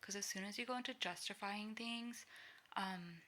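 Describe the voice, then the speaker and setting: A young woman vlogger giving casual advice in a relaxed way, full of "like" fillers, often sliding into a soft, whispery delivery. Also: medium pitch, moderate pace.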